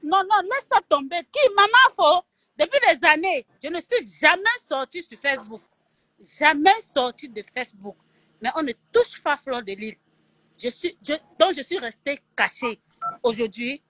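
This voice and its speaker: A woman with a Cameroonian French accent rants on a live stream, taunting and picking a fight while mixing in Italian. Her voice is high and swings widely in pitch. The sound is close and dry, from a phone held near her. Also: lively intonation, moderate pace, fairly bright tone, no room sound. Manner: taunting and confrontational, slipping into Italian. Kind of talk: heated live-stream rant. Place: at home in Italy.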